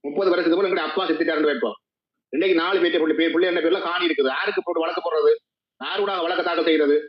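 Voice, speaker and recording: A man's voice: a little high, fairly even intonation, very fast. A man arguing at length as host of a live stream discussion. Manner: argumentative, explaining at length. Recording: dull lo-fi live stream audio.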